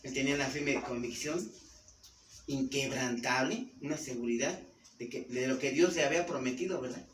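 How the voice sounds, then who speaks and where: Mexican pastor preaching in a roomy hall. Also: male voice, medium pitch, moderate pace. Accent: Mexican Spanish. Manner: teaching with questions to the congregation. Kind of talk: sermon. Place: church hall. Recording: roomy, distant mic with some noise.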